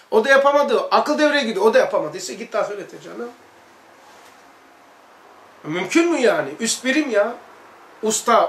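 A man teaching a religious study circle in a loose, conversational way, leaning on rhetorical questions and repeated lists. His voice sits high for a man. The room adds a clear echo around him. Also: a bit bright. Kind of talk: informal religious lesson. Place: study hall. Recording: echoey room.

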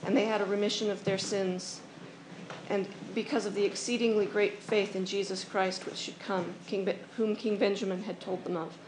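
A woman's voice: mid-range voice, flat delivery, normal speed. A woman reciting scripture as narration. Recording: echoey room with faint noise.

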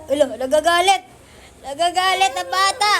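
A woman's voice: very high-pitched, normal speed, a bit bright. A young woman filming her baby at home on a phone, talking in playful, cooing baby talk and laughing often. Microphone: phone camera.

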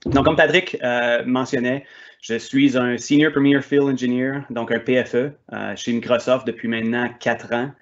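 Québécois male presenter, mid-pitched, halting delivery with restarts, muffled audio. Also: steady tone. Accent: Québécois French. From Quebec, Canada. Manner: hesitant, frequent fillers and restarts. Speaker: conference speaker. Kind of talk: technical conference presentation.

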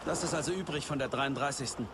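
An actor playing a cocky, joking young special forces sergeant in a video game, brash and mock-formal. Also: male voice, mid-range voice, fast talker, close to an everyday voice. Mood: cocky, teasing. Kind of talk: dramatic video game acting. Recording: loud wind and game ambience.

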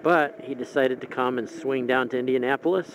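A man's voice: medium pitch, steady tone, brisk. A man with a Midwestern American accent, vlogging casually from his motorcycle with rambling asides. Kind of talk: casual narration while riding. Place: outdoors on a motorcycle in city traffic. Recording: road and engine noise.

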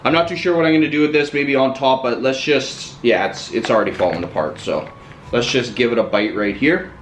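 A man's voice: medium pitch, fairly quick, a little hiss or hum. A young man casually reviewing packaged meals to camera, chatty and always calling his viewers guys. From Italian. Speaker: food vlogger. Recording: echoey room.

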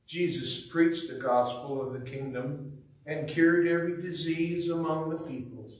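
A man serving as lector, reading scripture at Mass in a slow, solemn way, heard with cathedral echo. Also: a little high, music in the background. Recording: echoey church, mic far off.

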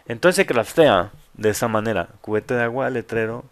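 A man's voice: mid-range voice, animated, a little fast. A man with a Mexican accent giving casual, joking let's play commentary full of crude slang. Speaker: gamer host.

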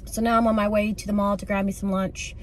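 A woman's voice: medium pitch, little pitch movement, fast talker. A woman in her forties talking to camera from her car, rambling in a tired, chatty way. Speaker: van-life vlogger. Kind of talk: casual vlog talk to camera. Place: inside a parked car. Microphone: camera mounted on the dashboard. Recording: loud background noise in a car.

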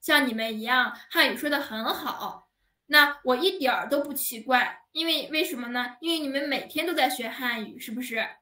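A woman teaching an online language lesson over a video call, speaking slowly and patiently, drawing out words for her learners. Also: high voice, bright, forceful tone. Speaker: Chinese teacher. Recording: echoey room, heard from a distance.

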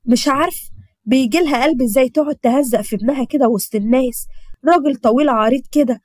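A woman's voice: sits high, fast, darkish tone, dry recording, studio quality. A woman voicing an opinionated middle-aged mother chatting with her daughter, with an Egyptian accent. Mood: disapproving. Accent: Egyptian Arabic. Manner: chatty, disapproving.

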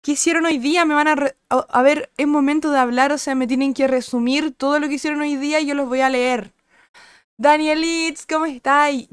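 Chilean girl streamer yapping with chat, kinda high smooth voice, bit husky today, dry close mic. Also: fairly even intonation, fairly quick, no room sound. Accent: Chilean Spanish. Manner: chatty, crude slang, reads out and greets viewers. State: slightly husky voice from little streaming. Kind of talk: casual chat with live chat viewers.

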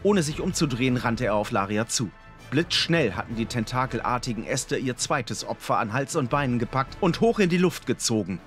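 A man narrating a fantasy audiobook in a dramatic, expressive storytelling manner. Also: mid-range voice, moderate pace, faint music behind.

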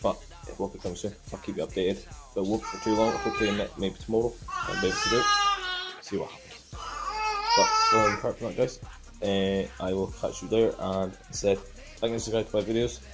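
A man gives a casual, halting, repetitive vlog update into a phone at arm's length in a room at home. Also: fairly low pitch, steady tone, over music. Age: 20s. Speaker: vlogger.

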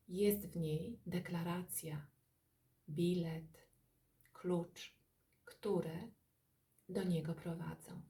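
Slow, gravelly-voiced woman guiding meditation. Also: fairly low pitch. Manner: slow, soft, calm, drawn-out phrases with pauses. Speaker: meditation guide. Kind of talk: guided body-scan meditation.

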